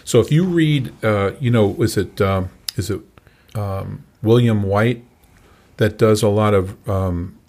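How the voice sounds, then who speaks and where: A man's voice: lowish voice, a little slow, darkish tone. A man in his sixties, a recovery coach, telling his story in casual conversation with many fillers and restarts. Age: 60s.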